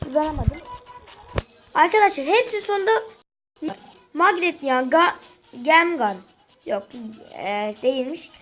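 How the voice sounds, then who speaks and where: A woman with a very high voice and a sore throat talks her viewers through a game in a loose, chatty way. She keeps turning to the audience as friends while she plays, and faint game music sits in the background. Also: fairly bright tone, rough recording. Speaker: gaming channel host. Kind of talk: casual gameplay walkthrough.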